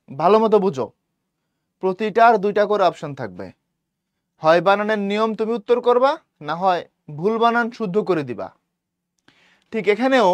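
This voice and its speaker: A young man with a high-pitched voice teaches an exam-prep lesson in colloquial speech, repeating key points and frequently checking that his students understand. There is no room sound.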